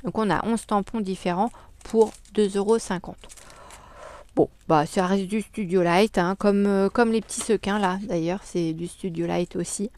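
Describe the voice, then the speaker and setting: A woman's voice: mid-range voice, steady tone, normal speed, a little mellow. A woman chatting casually in a crafting haul vlog, hesitating often with many fillers. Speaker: crafting vlogger. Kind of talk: casual haul video chat.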